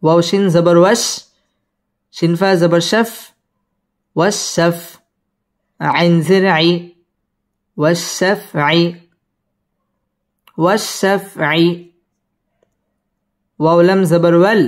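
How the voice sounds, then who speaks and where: A man teaching Quran recitation with tajweed, spelling out each verse and then chanting it slowly and melodically between brisk explanations. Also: high-pitched. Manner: slow drawn-out melodic recitation alternating with quick spoken explanations.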